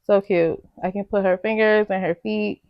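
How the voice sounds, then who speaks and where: A young pregnant woman chatting casually as she unboxes baby gifts, gushing and excitable, with slangy exclamations. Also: mid-range voice, moderate pace, clean tone, highs cut off. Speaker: vlogger.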